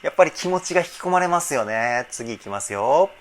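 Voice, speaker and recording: A man's voice: on the high side, lively intonation, fast, slight background noise. A man working as a vocal trainer, giving effusive reaction commentary on a song. He breaks into exclamations between short analytic remarks. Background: faint song playing.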